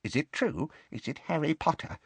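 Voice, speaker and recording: A man's voice: on the high side, expressive, moderate pace, breathy edge, no room sound, voice pushed up. A man voicing a bitter old male house-elf servant who mutters spitefully and fawns over his master. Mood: fawning. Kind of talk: audiobook character voice.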